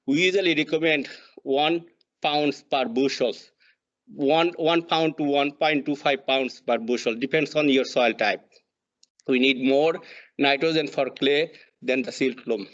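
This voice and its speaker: Man with a Bangladeshi accent, thirties, fairly high voice, halting slide presentation, dull lo-fi webinar sound. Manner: halting, frequent uh fillers and restarts. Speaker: extension soil fertility specialist. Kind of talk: extension presentation over slides.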